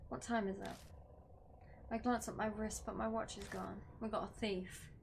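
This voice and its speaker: A woman game streamer reads a visual novel aloud, dropping in casual reactions and commentary between lines. Her voice is medium-pitched, steady and creaky, at a moderate pace. Game music plays behind her, with slight background noise.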